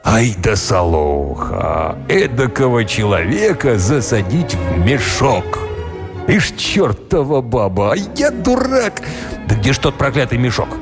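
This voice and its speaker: A man voicing a boisterous middle-aged male Cossack villager who exclaims and grumbles in drawn-out phrases. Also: medium pitch, lively intonation. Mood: indignant. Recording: roomy reverb, soft music behind.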